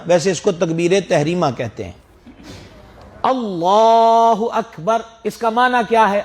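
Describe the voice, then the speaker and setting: A middle-aged man from Pakistan, preaching and teaching how to pronounce prayer words, drawing out sounds to demonstrate them and raising emphatic questions. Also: high-pitched. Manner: explanatory, drawn-out demonstrations of Arabic sounds, rising emphatic questions. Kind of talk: religious lecture.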